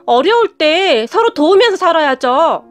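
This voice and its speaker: A greedy sister-in-law nags and demands in a high, lively voice, as a woman narrator plays her. She sounds pushy and irritated, never letting up. Soft music runs quietly behind her. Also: moderate pace. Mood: whining, demanding.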